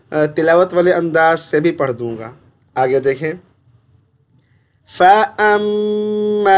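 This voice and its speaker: A man's voice: high-pitched, slight background noise. A man teaching Quran recitation in speech, patiently drawing out syllables and repeating them to correct mistakes. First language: Urdu. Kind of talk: slow tajweed lesson with drawn-out recitation.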